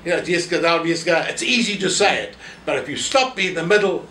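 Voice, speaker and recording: An elderly South African man of Polish family background, a former synagogue office holder, reminisces in an oral history interview, re-enacting people's remarks in his anecdotes. He speaks with a South African accent in a slightly high, animated, brisk voice that sounds pushed and bright. The distant mic captures roomy echo and faint noise.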